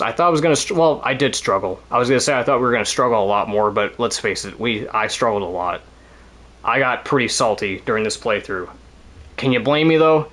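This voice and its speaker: A man offers casual, rambling let's-play commentary as he streams a video game, often laughing and now and then swearing. His voice is mid-range with a fairly bright tone.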